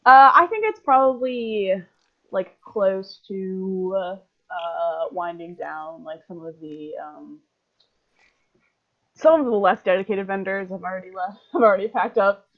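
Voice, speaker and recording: A woman's voice: medium pitch, a little slow. Rambling woman game master, lo-fi call. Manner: rambling, heavy on filler words. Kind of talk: narrating a tabletop game over a call.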